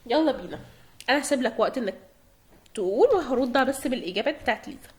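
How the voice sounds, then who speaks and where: A woman's voice: fairly high pitch, expressive, fast talker. A woman with an Egyptian Arabic accent teaching German online, explaining word by word, translating and repeating. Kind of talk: online language lesson.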